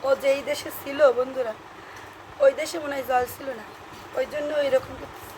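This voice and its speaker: A young woman vlogger chatting casually to viewers while she minds a baby, dropping into soft cooing baby talk. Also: high-pitched, level tone, normal speed, background noise.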